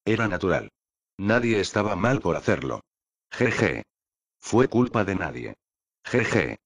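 A man with a low, deep voice gives slow, measured audiobook narration. The sound is dry and close, with no room around it, and the reading stays steady and unhurried. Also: breathy edge, no echo.

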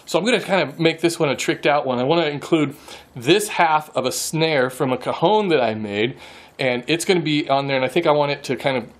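Brisk and fairly high-pitched, this man in his forties runs a woodworking channel and chats casually with frequent laughter. He records from his home wood shop with the camera held out at arm's length.

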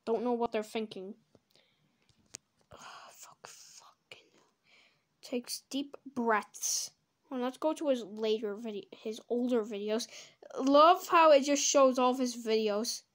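A woman with a fairly high, unhurried voice gives casual reaction commentary on videos into a desk microphone. She is blunt and crude, swearing freely and breaking into sudden loud outbursts.

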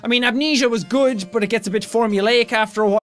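Loud, playful young man reading comments. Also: very high voice, fast, faint music behind. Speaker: YouTuber reading viewer comments. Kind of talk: casual comment-reading vlog.

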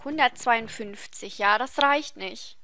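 A woman's voice: on the high side, slow pace, sharp tone, faint music behind. A woman playing a video game and commenting casually, reading the game text aloud in a chatty, easily frustrated way. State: tired voice. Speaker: let's play host.

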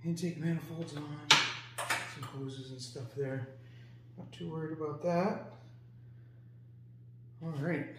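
A man's voice: on the high side, steady tone, takes it slowly, pauses often, a little mellow, breathy edge. A man talking casually and matter-of-factly to viewers as he does hands-on mechanical work in a garage, filming himself. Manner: informal, matter-of-fact. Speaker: DIY mechanic filming a build. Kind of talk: casual hands-on explanation to viewers while working. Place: garage workshop, working on a car. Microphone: camera set near the engine, off the speaker.

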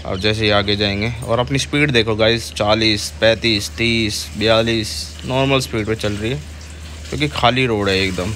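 A man's voice: fairly low pitch, fairly even intonation, normal speed, bright, forceful tone. A young man, chatting casually to viewers as he rides a motorbike through city traffic and points out the sights. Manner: chatty, points things out to viewers while riding. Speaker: vlogger. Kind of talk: casual motovlog narration. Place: on a motorbike on city roads outdoors. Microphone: helmet or chest camera mic while riding. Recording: wind and traffic noise. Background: engine and traffic noise.

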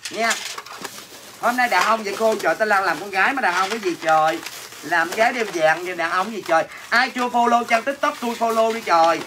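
A man's voice: high-pitched, brisk. A man with a Southern Vietnamese accent selling snacks in a comic livestream, teasing viewers and brashly answering their comments. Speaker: livestream seller. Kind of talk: comic livestream sales banter. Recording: noisy with clattering dishes.

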